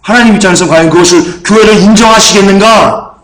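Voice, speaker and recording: A fervent male preacher with a high voice, delivering a sermon in an echoey church hall. He drives his points home through repetition and rises into shouted calls. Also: fast talker.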